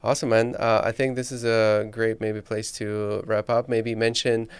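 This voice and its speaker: A man's voice: lowish voice, flat delivery, moderate pace, clean tone, dry recording. A man from Belarus hosting a podcast, asking questions in casual conversation. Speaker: podcast host interviewing. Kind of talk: casual interview chat.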